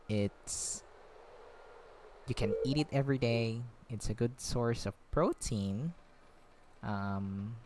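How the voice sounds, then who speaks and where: A gaming vlogger from the Philippines chats as he plays, his voice fairly low with a darkish tone over slight background noise. He rambles and gets sidetracked, sounding a little breathless and dropping lots of ums.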